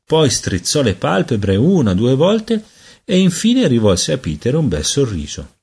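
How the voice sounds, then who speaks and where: A man narrating a children's storybook aloud in an expressive storytelling manner. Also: medium pitch, unhurried, slightly rough. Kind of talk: audiobook narration.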